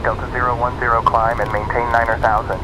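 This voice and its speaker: A man's voice: mid-range voice, level tone, fast talker. A man working as an air traffic controller, giving formulaic instructions over aviation radio. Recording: noisy aircraft radio with engine drone.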